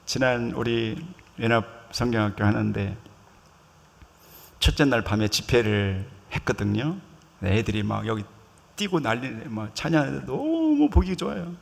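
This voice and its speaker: A man's voice: medium pitch, animated, moderate pace, creaky. A male pastor preaching a sermon in a church, telling a story and speaking directly to his congregation. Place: church sanctuary. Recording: reverberant church hall.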